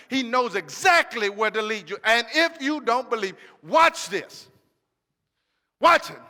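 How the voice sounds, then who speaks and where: A man's voice: very high-pitched, pushed and bright, in a large hall. A man preaching a sermon, emphatic and repetitive, asking questions and answering them himself. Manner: emphatic, repetitive call-and-response.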